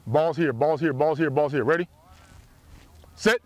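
Football coach guy yelling from the sideline, pitched high, barking the same short orders over and over out on the field. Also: a little slow, dull audio, noisy background. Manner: clipped, repetitive commands. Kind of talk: drill instructions on the practice field.

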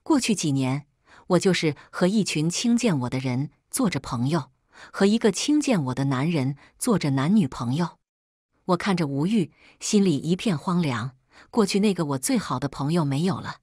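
A woman narrating a first-person story in a calm, even storytelling manner. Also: lowish voice, slightly rough, no room sound, clean studio sound.

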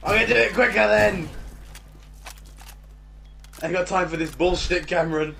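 High-voiced joking gamer. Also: male voice, moderate pace, vocal fry, pushed and bright, a little hiss or hum. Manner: joking, crude, teasing friends. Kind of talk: casual gaming banter.

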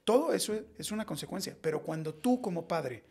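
A Mexican man in his forties, a podcast guest, telling personal stories in a blunt, slangy, animated way. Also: fairly high pitch, fairly quick, gravelly, husky. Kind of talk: casual podcast conversation.

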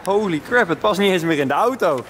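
A man's voice: sits high, animated, fairly quick, fairly bright tone, slight background noise. A man in his twenties chatting casually as a vlogger into a handheld camera. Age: 20s. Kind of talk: casual vlog chat. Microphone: handheld camera at arm's length.

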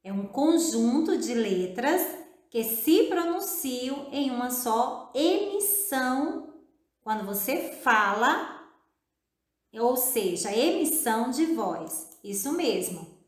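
A woman teacher giving a video lesson to children, speaking in a slow, drawn-out, encouraging way and repeating words syllable by syllable. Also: on the high side, very animated. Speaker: primary school teacher. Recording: echoey room.

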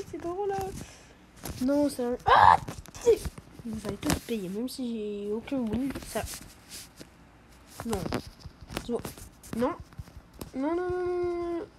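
A woman commentating her own online game as channel host, excitable and swearing when things go wrong. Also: high voice, takes it slowly, long pauses. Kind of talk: live gameplay commentary. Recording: noisy home recording with clicks.

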